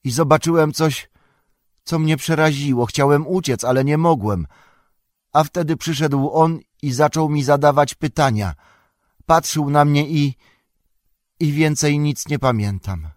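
A small, frightened young hobbit, as a man reading the story voices him. The voice sits well above the reader's own low pitch, stammering and pleading in fear. It is close and dry. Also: measured pace, no room sound, natural voice.

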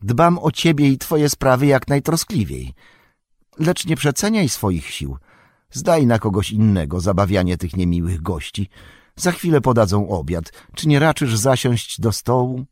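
A treacherous royal counsellor who fawns and begs, his voice pushed noticeably higher and whining, as a man voices him. The husky, breathy edge stays on every plea. It is a storybook reading, closely recorded with a dry sound. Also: sing-song, a little slow, darkish tone, dry recording. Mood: fawning. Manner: pleading, servile, whining. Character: cringing, wheedling male royal counsellor, treacherous.

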